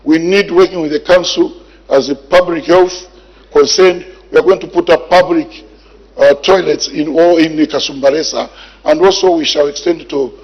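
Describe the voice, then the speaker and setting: A man, a health minister giving a measured parliamentary answer, repeating words as he thinks. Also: fairly high pitch, steady tone. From Zambia. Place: parliament chamber. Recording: dull lo-fi broadcast sound.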